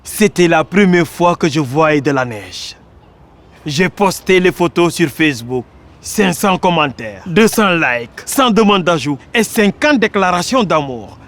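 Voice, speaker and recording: A Senegalese actor from Casamance performs a monologue in a theatrical, animated style, with dramatic pauses between declaimed phrases. His voice is somewhat bright and high for a man, and he takes his time so the lines land.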